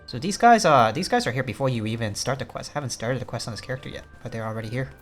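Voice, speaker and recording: A gaming video host races along in a medium-pitched, fairly bright voice with lively intonation. His let's play talk is offhand and rambling, understated thinking aloud over background music.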